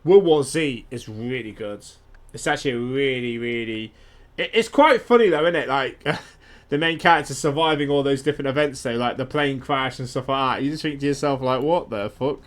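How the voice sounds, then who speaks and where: A man's voice: mid-range voice, normal speed. A young man streaming a game, chatting casually and animatedly, swearing freely. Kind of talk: casual gaming chat.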